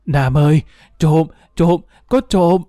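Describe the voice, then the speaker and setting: A man's voice: fairly high pitch, slow, dark tone, no room sound, clean studio sound, pitched above the performer's own voice. A man voicing a frail old grandmother in an audio story, crying out shrilly in panic for help. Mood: panicked.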